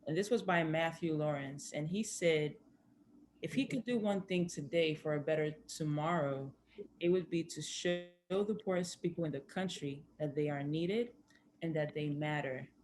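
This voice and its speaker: A woman's voice: deep voice, normal speed, a little mellow, a little hiss or hum. A young woman from Greece, a former college basketball player, giving earnest personal remarks on a conference panel.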